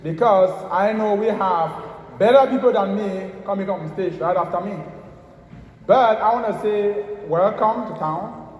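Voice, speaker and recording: A man's voice: sits high, unhurried, lo-fi sound. A man giving a humble, grateful welcome speech on stage as an event organizer. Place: large event hall stage. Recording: echoey event hall, audience noise.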